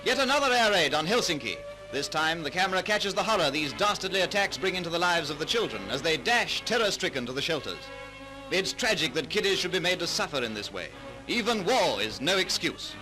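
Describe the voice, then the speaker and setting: A man narrates an old wartime newsreel in a dramatic, emphatic announcer style. His voice sits high and rises and falls widely as he rushes through the lines. Music plays clearly beneath him. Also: big pitch swings, low-quality recording.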